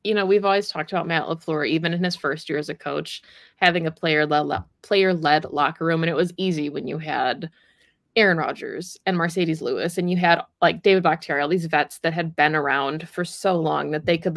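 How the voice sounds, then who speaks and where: A woman's voice: low voice, fairly quick, no room sound, clean studio sound. A young woman co-hosting a sports podcast, talking casually with lots of "like" fillers. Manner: conversational, frequent "like" fillers. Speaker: podcast co-host.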